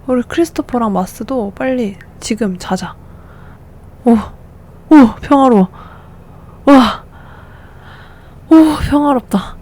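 A woman's voice: on the high side, takes it slowly, long pauses, a little mellow. A woman streamer giving casual commentary on a life-simulation game, fussing and exclaiming as she coaxes the babies to sleep. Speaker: gameplay streamer.

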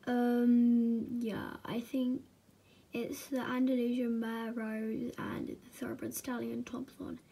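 Woman voicing a horse trailer driver, plain and careful, high voice. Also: monotone, slow pace, creaky, mellow, slightly rough, exaggerated voice. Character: helpful horse transporter, careful and matter-of-fact. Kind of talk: toy horse movie voice-over.

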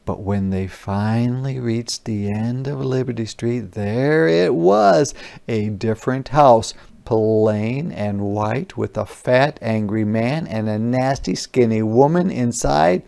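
A male teacher doing an expressive read-aloud for young children, pausing to ask questions. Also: mid-range voice, creaky.

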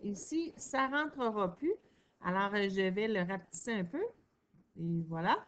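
A woman's voice: mid-range voice, muffled recording. Encouraging Québécois woman teacher. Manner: encouraging, sounds words out slowly. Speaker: primary school teacher. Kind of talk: reading lesson for children.

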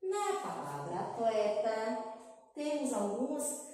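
A Brazilian woman teaching young children, who speaks in a slow, sing-song way and stretches and repeats her words. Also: fairly high pitch, sing-song, a little mellow. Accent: Brazilian Portuguese. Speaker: primary school teacher. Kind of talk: recorded lesson for young children. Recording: echoey room, far from mic, faint noise.

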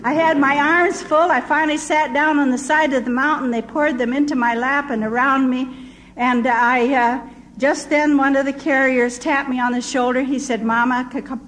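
An older woman giving a personal testimony, telling stories and voicing the people she met with lively quotes. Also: high voice, moderate pace, slight background noise, rough recording. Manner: storytelling, quoting villagers in lively voices. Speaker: missionary speaker.

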